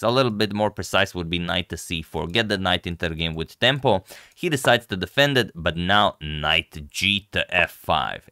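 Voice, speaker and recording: A man with a low, bright voice talks through a chess game move by move. His delivery is measured and explanatory, casual in style, with a very clean, dry close sound. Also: clean tone, no echo. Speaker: chess commentator and channel host.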